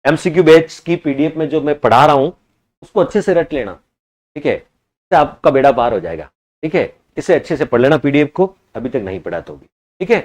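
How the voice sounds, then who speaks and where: A man teaching an online exam-prep class, quizzing students and repeating each answer, at times scolding them for slow replies. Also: a little high, lively intonation, a little mellow.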